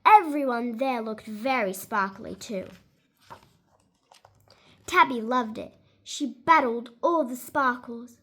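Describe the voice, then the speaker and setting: Her voice is on the high side and husky as she reads a children's story aloud, taking an expressive, deliberate approach suited to little listeners.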